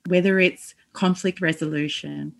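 A woman's voice: on the low side, steady tone, creaky. Earnest woman guest. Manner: earnest, halting, searching for words. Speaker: podcast guest. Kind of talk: reflective interview talk.

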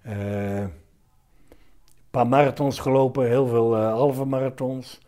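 An elderly man reminisces in a relaxed interview setting. He tells his anecdotes haltingly, in short fragments. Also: medium pitch. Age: 70s. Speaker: interviewee, retired commando veteran.

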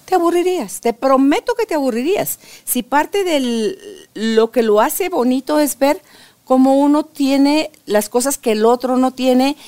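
An older woman tells stories in a lively, emphatic way. Her voice sits fairly high, and she stresses her points with quick asides. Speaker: grandmother sharing relationship advice. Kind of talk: casual interview conversation.

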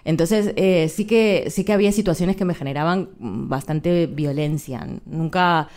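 An Argentine woman journalist, speaking as a guest in a live podcast interview, reflective and measured, pausing often to find her words. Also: low voice, a little mellow.

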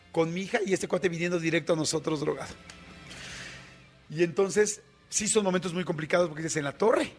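A man with a Mexican Spanish accent, a radio guest telling a story in a colloquial, animated way with many fillers. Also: fairly high pitch.

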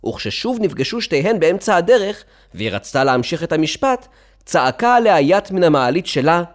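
A man narrating a children's story in an expressive, storytelling manner. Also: fairly high pitch. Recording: music playing under the voice.

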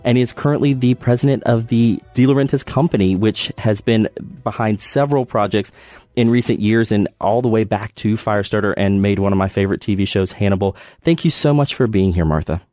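A man hosting a podcast, reading a measured scripted narration and then asking a guest friendly questions. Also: lowish voice, darkish tone, no room sound. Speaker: podcast host.

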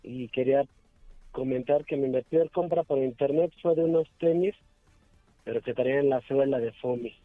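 A man's voice: medium pitch, normal speed, no room sound. A man calling in to a radio show over a phone line, talking in an easygoing, plain way. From Mexico City. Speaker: radio caller. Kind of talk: casual call-in chat. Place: on the way to work. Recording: tinny phone line, faint music behind.

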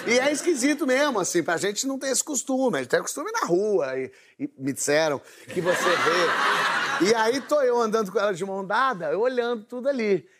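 A man's voice: high voice, animated, moderate pace, crowd noise. A man with a Brazilian accent hosting a TV talk show, chatting casually and joking in laughing asides. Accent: Brazilian Portuguese. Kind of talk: casual studio chat. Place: TV studio with audience. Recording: loud studio audience and noise.

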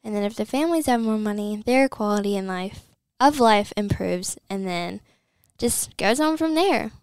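A woman's voice: medium pitch, lively intonation, normal speed, darkish tone, smooth, no room sound. A woman co-hosting a podcast, chatting casually and chiming in agreeably. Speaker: podcast co-host. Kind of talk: casual chat.

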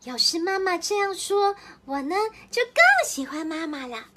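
A woman's voice: very high voice, expressive, moderate pace, background noise, voice pushed up. A woman voicing a small child who adores its mother, speaking in an earnest, childlike way. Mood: earnest, sweet. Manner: sweet, earnest childlike telling.

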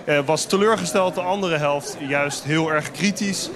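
A man reporting live to the studio, measured and steady, with frequent hesitation fillers. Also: a little high, background noise. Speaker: field reporter.

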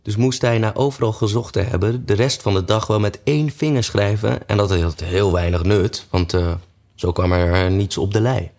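Male storybook narrator, deep voice, relaxed read with hesitations. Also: moderate pace. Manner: relaxed reading with frequent "eh" fillers. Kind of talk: storybook reading.

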